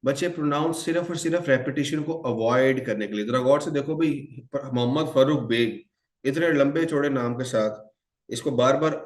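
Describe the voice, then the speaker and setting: Speaking from an echoey room, a man with a medium-pitched voice gives an online exam-prep lesson on English grammar in blended Hindi-Urdu and English. He refers to his students as children, quizzes them, and supplies answers to his own questions.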